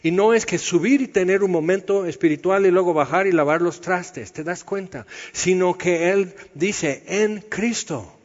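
A man preaches a sermon, his voice sitting on the higher side. He teaches in a conversational, explanatory way. The sound is dull and slightly muffled, with a long reverb trailing off in a church hall. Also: a little slow, few pauses.

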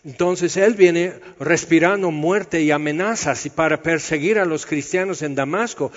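A man preaches a sermon, his voice sitting on the higher side. He teaches in a conversational, explanatory way. The sound is dull and slightly muffled, with a long reverb trailing off in a church hall.

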